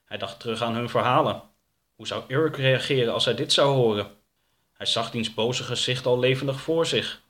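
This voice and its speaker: Male narrator, calm and measured, mid-pitched, storybook reading.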